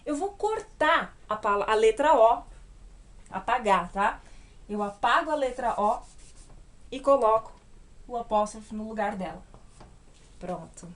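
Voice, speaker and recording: A woman's voice: on the high side, lively intonation. Patient Brazilian woman teaching grammar. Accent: Brazilian Portuguese. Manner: patient, checks in often with tag questions; slows down to spell out English examples. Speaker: English teacher. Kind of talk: whiteboard grammar lesson.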